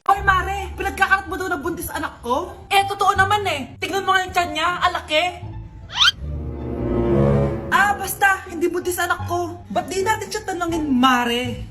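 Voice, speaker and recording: High-pitched woman bickering in skits. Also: loud music behind the voice. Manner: quick, bickering, plays several roles. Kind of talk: comedy sketch acting.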